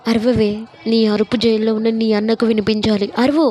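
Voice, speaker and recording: A woman voicing a cruel, vengeful, possessive man who speaks in threats, in a flat, dark tone. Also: on the high side, a little fast, natural voice. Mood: threatening. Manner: menacing, threatening.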